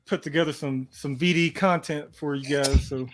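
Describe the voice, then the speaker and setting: A man's voice: a little high, fairly even intonation, normal speed. A man co-hosting a podcast in casual chat, laid-back and joking, often teasing himself. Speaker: podcast co-host.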